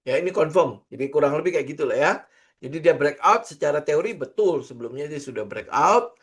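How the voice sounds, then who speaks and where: A middle-aged man teaches trading in a casual screen-share lesson, his voice a little high, animated, husky and slightly fast. He's chatty, uses a lot of fillers and keeps asking rhetorical questions.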